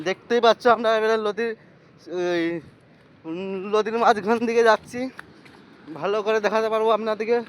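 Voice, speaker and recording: A man's voice: sits high, steady tone, moderate pace, pauses often, clean tone. A man vlogging casually by a muddy riverbank and on a boat, chatting to his viewers and calling out to passers-by, recorded on a handheld phone. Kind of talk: casual walking vlog commentary. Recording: outdoor wind and boat noise.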